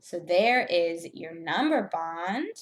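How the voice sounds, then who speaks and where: Very slow-talking woman teaching young children. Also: fairly low pitch, very animated. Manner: simple, deliberate phrasing with questions to young learners. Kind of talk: children's math lesson, step-by-step instruction.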